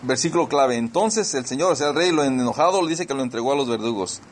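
A man's voice: mid-range voice, expressive, quick pace, slight background noise. A pastor preaching a sermon. He explains scripture verse by verse, repeats key words for emphasis, and speaks directly to his congregation as brothers and sisters.

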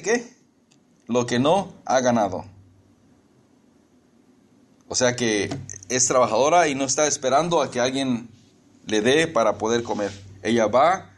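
A male preacher delivers a sermon in a relaxed, conversational way. He teases the congregation and keeps asking them questions, in a voice of ordinary middle pitch.

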